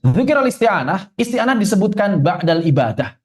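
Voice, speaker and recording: A man from Indonesia giving a religious study lecture, joking and quizzing his class, slowly chanting Arabic verses. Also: high-pitched, very animated. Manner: joking, conversational teacher asking the class questions. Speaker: Islamic teacher.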